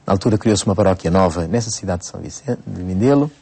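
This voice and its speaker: A man in his forties from Cape Verde, a priest speaking in a radio interview. His voice sits low and sounds mellow and relaxed. He talks unhurriedly and often pauses and restarts his phrases. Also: vocal fry, husky. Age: 40s. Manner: unhurried, frequent hesitations and restarts. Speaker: priest, bishop-elect.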